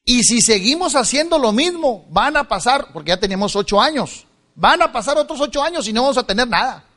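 A man's voice: extremely high pitch, expressive, a little fast, fairly bright tone. A middle-aged man telling a humorous life story to a live audience, joking and laughing as he goes. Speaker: speaker giving a testimony. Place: stage before an audience.

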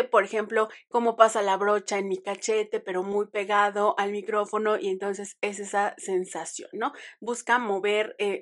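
Young mexican woman chatting on her podcast, lively and joking about herself. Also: mid-range voice. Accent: Mexican Spanish. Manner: chatty and expressive, self-mocking. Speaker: podcast host. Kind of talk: casual chat.

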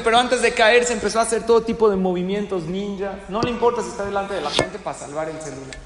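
A man preaches in a rather high voice, spinning stories and tossing questions out to his listeners. His voice rings through a large hall with a long, heavy reverb and faint room noise behind. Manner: lively storyteller asking the audience questions. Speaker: religious teacher. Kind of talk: sermon to a live audience.

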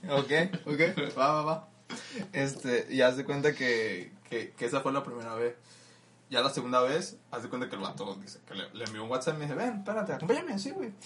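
A man's voice: mid-range voice, lively intonation, brisk, a bit bright, a little hiss or hum. A young man with a Mexican Spanish accent, co-hosting a podcast and telling a story in slangy casual chat, laughing often, recorded on a lapel mic. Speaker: podcast co-host.

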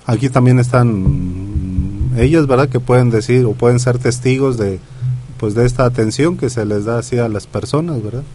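Easygoing parish priest. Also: male voice, mid-range voice, moderate pace, warm tone, slight background noise. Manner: easygoing, tells anecdotes. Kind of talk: casual conversation.

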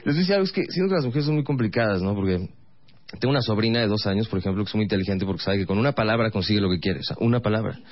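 A man with a Mexican Spanish accent doing stand-up comedy, telling stories in fast, rambling bursts with laughing asides. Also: lowish voice, expressive, dull audio.

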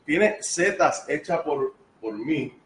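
A man's voice: a little high, slow pace, slight background noise. A man, a chef on a radio show, chatting casually and dropping dry jokes. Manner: dry joking, deadpan quips. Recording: roomy echo.

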